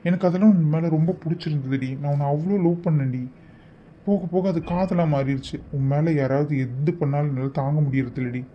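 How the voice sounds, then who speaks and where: A man's voice: on the high side, fairly quick, highs cut off, a little hiss or hum, natural voice. A man voicing an obsessive, lovesick young man in a cartoon, talking in an insistent, pleading way. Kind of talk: cartoon voice acting.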